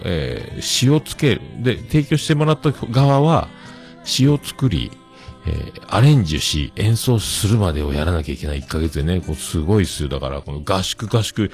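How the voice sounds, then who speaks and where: A man in his forties talks alone as a podcast host, with a very low, gravelly voice. He rambles and pokes fun at himself, and his pitch swings widely as he fills pauses with long drawn-out sounds. Faint music plays softly behind him. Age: 40s. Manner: rambling, self-deprecating, many drawn-out fillers. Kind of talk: casual solo talk.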